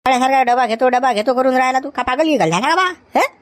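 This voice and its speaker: A woman plays an excitable middle-aged village uncle. The talk is very fast and scolding in a high voice. It sounds flustered and keeps demanding "huh?". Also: lightly acted.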